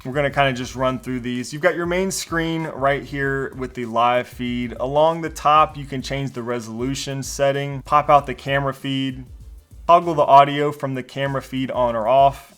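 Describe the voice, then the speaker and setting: A man's voice: mid-range voice, a bit bright. Casual man reviewing a gadget. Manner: casual, explanatory, with filler words. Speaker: tech product reviewer. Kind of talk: product review walkthrough.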